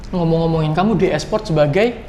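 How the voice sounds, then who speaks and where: A man hosting a podcast, telling stories in an animated, repetitive way. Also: fairly high pitch, fast talker. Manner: animated storyteller, repeats words. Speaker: podcast host. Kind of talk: casual chat. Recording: echoey room with light noise.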